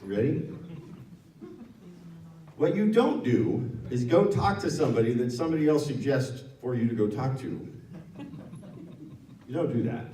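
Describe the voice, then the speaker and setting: A man's voice: mid-range voice, lively intonation, normal speed, pauses often, dark tone, a little hiss or hum. A man from Nevada speaking as a guest at a town hall, telling a personal story in a frank, conversational way and correcting himself as he goes. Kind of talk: storytelling talk to an audience. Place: town hall meeting room. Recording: echoey room from far off.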